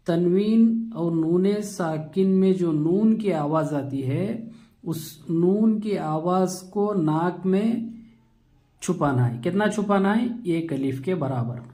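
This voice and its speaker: A man teaching a Quran reading lesson step by step, patiently repeating terms and stretching sounds slowly to show them. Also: high-pitched, lively intonation, mellow.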